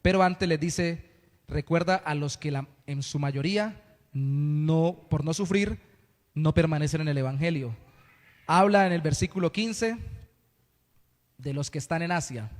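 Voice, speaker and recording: High-voiced preaching man in a reverberant church. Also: a little slow, long pauses. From Colombia. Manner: earnest preaching with playful asides and laughs. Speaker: pastor. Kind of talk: sermon. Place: church hall.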